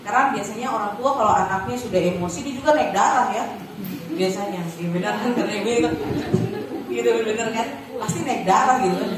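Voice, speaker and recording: A woman's voice: mid-range voice, fast. A woman giving a casual workshop talk to parents, chatty and conversational, now and then acting out how a mother talks. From Batak. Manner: conversational, acts out quoted mother. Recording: echoey room, far from mic, noisy.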